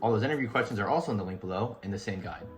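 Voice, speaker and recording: Upbeat young man with a low voice. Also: rapid-fire. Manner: upbeat, direct, casual, addresses viewers as guys. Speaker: job search advice creator. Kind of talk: instructional video talk.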